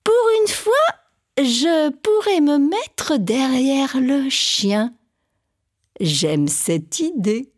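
A woman's voice: sits high, big pitch swings, drawn-out words, dry recording, exaggerated voice. Woman doing a sly storybook cat. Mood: scheming. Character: sly lazy house cat.

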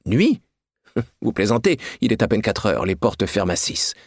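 Brief: haughty rich widow, scolding and condescending, voiced by a male reader, low dry voice. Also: very animated, moderate pace, no echo. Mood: scornful. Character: haughty wealthy woman in mourning, imperious.

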